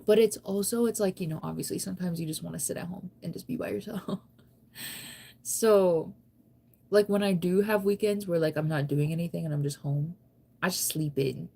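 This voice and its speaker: An American live streamer in her thirties speaks at a moderate pace with a fairly low pitch and fairly even intonation, her voice creaky, mellow, and slightly rough. She's chatting casually on a late-night livestream, reading and answering viewer comments. Her style rambles, playful and self-teasing.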